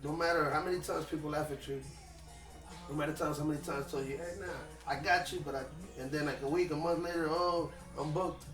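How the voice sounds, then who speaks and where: Here a rapper talks through his story fast in a relaxed interview, emphatic and loose, swearing and using plenty of slang, yet keeping a steady tone. His slightly high male voice is captured from a distance, echoey, with music clearly audible behind him.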